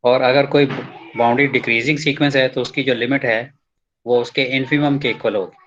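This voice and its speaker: A man teaching a math proof in a recorded lecture. He reads textbook lines slowly, then explains them in casual Hindi, mixing in English terms and often checking in with "ठीक है". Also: medium pitch, fairly even intonation, fairly bright tone, muffled recording, a little hiss or hum.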